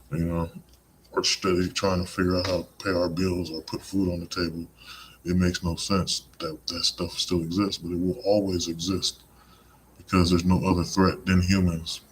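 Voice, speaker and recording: Deep, flat-voiced man on a podcast. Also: normal speed, slight background noise. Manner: rambling, conversational, frequent "you know" asides. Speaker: podcast host. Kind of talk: live-streamed podcast monologue.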